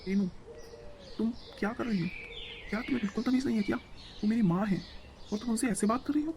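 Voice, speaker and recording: A man's voice: sits high, fast talker, background noise. A man voicing an exasperated young husband in a cartoon story, reasoning with his frustrated wife. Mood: scolding.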